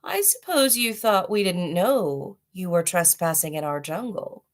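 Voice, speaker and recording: A woman voicing hungry, menacing tigers in a storybook read-aloud, with a taunting, deliberate delivery. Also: lowish voice, lively intonation.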